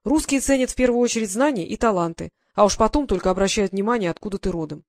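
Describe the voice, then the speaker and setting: A woman reading an audiobook, voicing a calm young male guard sergeant reassuring his mother in a steady way. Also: medium pitch, quick pace, natural voice.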